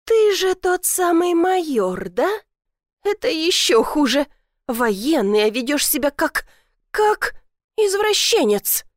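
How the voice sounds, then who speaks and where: A woman voicing an indignant, quick-tempered young woman in an audiobook, shrieking her outraged outbursts. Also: sits high, big pitch swings, no echo, clean studio sound, pitched above the performer's own voice. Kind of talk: audiobook character voice.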